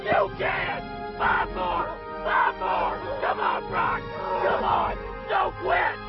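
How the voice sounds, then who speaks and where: A man's voice: medium pitch, normal speed, loud music behind the voice, natural voice. An actor playing a demanding male football coach, urging a player on with repeated short commands on a field. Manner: urgent shouted encouragement, repeating short commands. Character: driven male high school football coach, demanding and relentless. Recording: dull film audio, distant, loud score.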